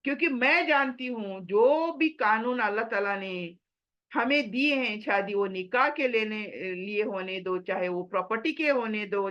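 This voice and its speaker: A woman's voice: fairly high pitch, a bit bright, muffled recording. A woman giving a religious lesson in an earnest, exhorting manner, slipping English phrases into her talk. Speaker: Quran teacher.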